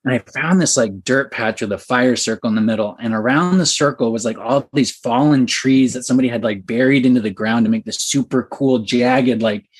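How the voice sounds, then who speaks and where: A young man telling a story as a podcast guest, excited and animated, with many fillers. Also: mid-range voice, a little fast, hardly any pauses. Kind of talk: casual storytelling.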